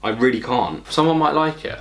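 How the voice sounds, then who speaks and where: A man's voice: medium pitch, a little fast, noisy background. A man hosting a casual beer review vlog, speaking bluntly, with a lot of swearing and exasperation, at a table. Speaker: beer reviewer, channel host. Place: at home, at a table.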